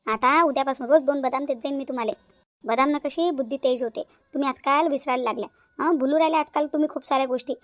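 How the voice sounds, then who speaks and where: Woman voicing a sly, fast-talking daughter-in-law. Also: high-pitched, dry recording, natural voice. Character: scheming young daughter-in-law, sly and bossy. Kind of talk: cartoon voice acting.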